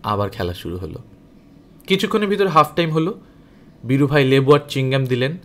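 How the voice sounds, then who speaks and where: A man narrates a novel as an audiobook, telling the story in an expressive, dramatic way. His voice is mid-range and his pace fairly quick.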